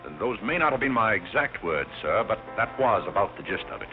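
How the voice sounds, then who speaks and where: Deep, deadpan screwball-banter butler. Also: male voice, brisk, soft background music. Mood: deadpan, courteous. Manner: deadpan, formally polite screwball comedy banter. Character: unflappable, courteous, dryly discreet butler. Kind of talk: 1930s screwball film comedy acting. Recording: tinny narrow 1930s film soundtrack.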